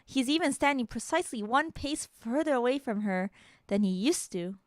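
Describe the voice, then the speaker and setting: A woman streaming a visual novel playthrough, reading its narration aloud and reacting with animated, giggly, slangy commentary. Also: on the high side, normal speed, dry recording.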